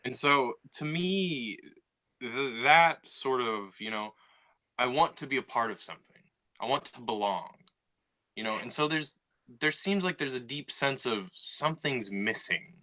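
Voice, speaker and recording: The co-host, a man of medium pitch, speaks in an unhurried yet animated way, his tone bright and forceful. It's a casual podcast chat where he thinks aloud, filling gaps and restarting lines.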